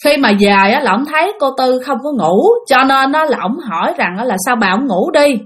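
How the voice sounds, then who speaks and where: A woman's voice: high voice, lively intonation, brisk, fairly bright tone. Southern vietnamese woman telling a spooky story, chatty, voice goes up and down a lot. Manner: chatty, addresses listeners directly. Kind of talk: spoken ghost story narration.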